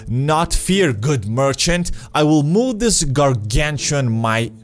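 A man voicing a boastful adventurer hero from a cartoon game, declaiming in a grandiose, drawn-out way. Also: fairly high pitch, sing-song. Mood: pompous.

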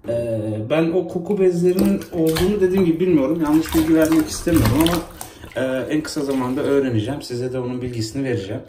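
A man's voice: on the high side, fast, noisy background. Chatty man in an echoey bathroom. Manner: chatty, coaxing and scolding his pets. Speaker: pet vlogger. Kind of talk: casual pet video chat. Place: bathroom at home, by a tub. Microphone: phone camera. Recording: echoey bathroom with running water. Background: water splashing in a tub.

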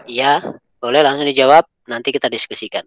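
A man's voice: mid-range voice, fairly even intonation, brisk, no room sound. A male English teacher leading an online class, mixing English into his explanations and encouraging students. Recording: dull lo-fi online call audio.

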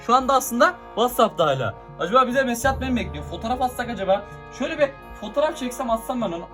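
A young man hosts a casual vlog with an excitable, chatty manner, constantly talking to his viewers. His voice sits very high and he talks fast. Faint music runs underneath. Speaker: YouTuber. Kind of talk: casual horror prank vlog.

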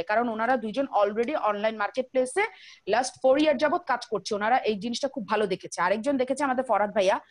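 Young female trainer, fast colloquial delivery, slightly high voice, on a video call. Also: no echo. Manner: chatty, colloquial, rapid, addresses students directly. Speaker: online class trainer. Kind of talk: casual online class lecture.

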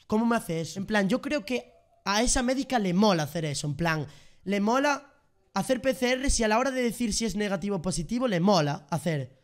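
High-voiced young Spanish man telling a story. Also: fairly quick. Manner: animated, sound effects and slang. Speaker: streamer. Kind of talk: casual storytelling vlog.

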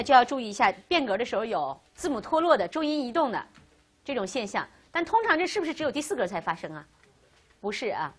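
A woman teaching a Russian grammar class, lecturing lively and asking questions she answers herself. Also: on the high side.

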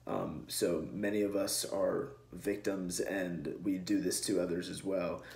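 A young man giving an earnest class presentation, speaking close to a camera in a small room and filling pauses with many ums. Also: deep voice, steady tone, gravelly, darkish tone, roomy sound. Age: young adult. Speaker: student presenter. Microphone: camera close in front.

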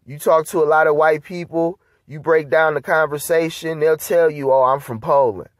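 A man's voice: a little high, fairly even intonation, normal speed, no echo. Heated profane man, dry close mic. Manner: heated, profane, street slang. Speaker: podcast host. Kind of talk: casual political commentary monologue.

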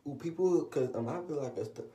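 A teenage boy vlogs to the camera in a small room at home, talking casually and rambling, his stutter causing restarts and many fillers. His male voice is high-leaning, brisk and warm. The camera sits low, below his face, so he sounds distant and off-mic with a roomy echo.

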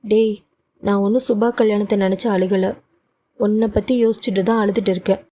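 A woman's voice: medium pitch, fairly even intonation, fairly quick, dark tone, natural voice. A woman voicing a worried middle-aged mother who fusses and scolds her grown son. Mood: tearful. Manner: scolding, emotional.

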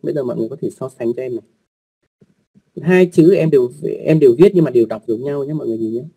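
A man with a dark, gravelly voice and a husky edge talks an online class through writing rules. He goes slowly and patiently, repeating words, adding fillers and polite asides to his learners. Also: medium pitch. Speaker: online language teacher.

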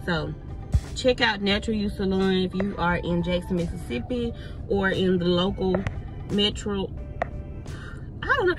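A woman's voice: mid-range voice, normal speed, pauses often. Chatty Southern American woman vlogging, music behind. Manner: chatty, animated, addresses viewers directly. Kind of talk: casual vlog chat. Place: inside a car. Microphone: phone at arm's length.

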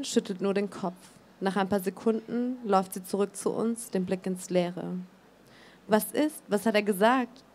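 Woman author, reading her novel aloud, calm and measured, mid-pitched voice. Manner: calm, measured, even delivery. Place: book fair stage studio.

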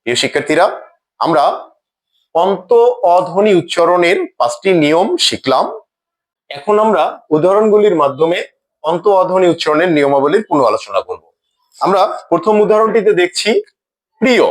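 A man teaching a scripted grammar lesson in a slow, deliberate way, saying each example word twice. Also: fairly high pitch, expressive.

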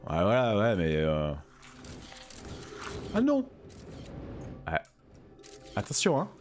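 A man's voice: on the low side, wildly swooping pitch, slow pace, slight background noise. A man streaming a video game, joking and exclaiming as he plays. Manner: playful, jokey, exclamatory. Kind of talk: let's play commentary.

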